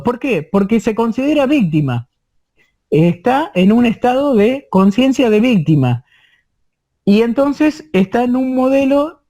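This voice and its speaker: Sitting high and sounding mellow, this man's Argentine Spanish-accented voice leads an online course. The instructor explains things slowly with many repetitions, pausing to check in with listeners.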